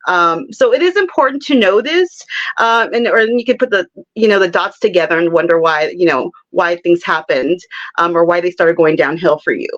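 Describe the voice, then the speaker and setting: A woman's voice: on the low side, lively intonation, normal speed. Chatty laughing woman, lo-fi sound. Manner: chatty, laughs often, explains with examples. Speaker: psychic guest. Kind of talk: casual interview chat.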